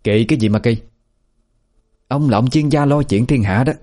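A man voicing a sharp-tongued older village wife who scolds and nags. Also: mid-range voice, voice pushed up, natural voice. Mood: nagging. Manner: scolding, rapid nagging.

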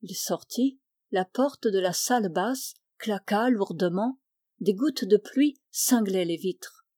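Une femme lit un roman classique d'une voix posée et mesurée. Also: female voice, mid-range voice, slow, mellow, dry recording, clean studio sound. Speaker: audiobook reader. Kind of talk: literary audiobook narration.

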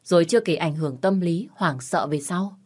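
A woman voicing a calm, confident young male lawyer who speaks in a measured, coolly threatening way in an audio story. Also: lowish voice, slightly rough.

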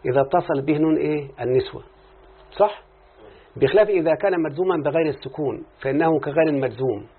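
A fast-talking man with a fairly high, slightly rough voice and an Egyptian Arabic accent leads a grammar lesson in class. Examples carry his explanations, and he regularly checks comprehension. The recording is muffled and phone-like.

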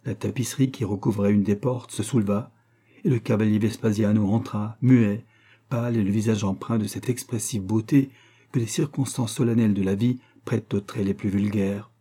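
Guy reading an old novel aloud, dark mellow voice, bit husky, steady dramatic pace. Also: fairly low pitch. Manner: measured, dramatic storytelling. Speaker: audiobook reader. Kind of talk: literary narration.

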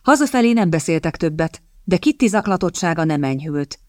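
Calm woman audiobook narrator, low voice. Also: no echo, clean studio sound. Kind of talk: scripted narration.

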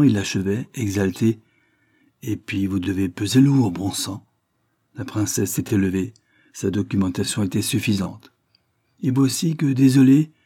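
A man narrates a literary short story with measured, expressive pacing. His voice sits low and has a slightly husky grain, and the recording sounds dry and close. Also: no echo. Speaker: audiobook reader.

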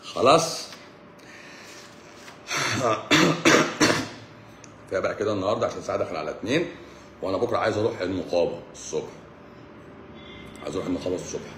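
A rapid-fire Egyptian man in his forties answers comments on a live stream with mocking sarcasm. He jumps from loud, exasperated bursts to low mutters. His voice rings around an echoey room. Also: heavy background noise. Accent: Egyptian Arabic. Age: 40s. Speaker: doctor hosting a live stream.

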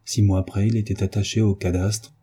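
Very husky, dark-voiced male narrator. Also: on the low side, flat delivery, fairly quick. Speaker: audiobook narrator. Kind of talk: scripted literary narration.

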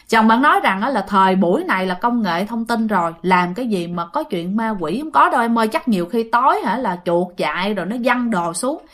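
A woman tells a ghost story, talking to her listeners as friends. Her voice sits somewhat high. The delivery is relaxed and conversational. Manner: chatty, addressing listeners directly.

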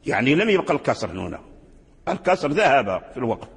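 A man's voice: mid-range voice, sing-song, fast, vocal fry, slightly rough, in a large hall. A man teaching Quran readings in an explanatory lecture. He repeats words and restarts often, and sometimes chants the example words.

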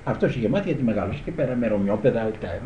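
An older man, a guitar teacher, reminisces in a low-ish, mellow and animated voice, wandering through his memories and often asking if listeners understand. It's a dull old tape from an echoey room with slight background noise.

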